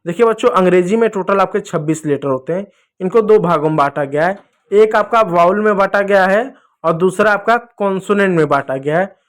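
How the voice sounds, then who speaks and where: A man teaching children English reading in a lesson, asking questions and answering them himself, and sounding out letters slowly. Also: high-pitched. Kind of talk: Hindi phonics lesson for kids.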